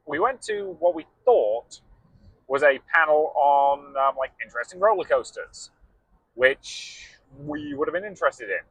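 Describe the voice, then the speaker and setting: A man co-hosting a podcast, relaxed and rambling in casual chat. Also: a little high, unhurried, husky, rough recording. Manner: relaxed, rambling with fillers like "um" and "you know". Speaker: podcast co-host.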